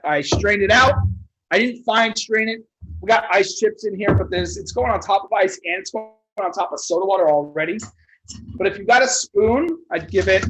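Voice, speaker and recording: A man teaching a casual livestream cocktail class as a bartender, loose and joking, swearing casually as he talks through each step. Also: high-pitched.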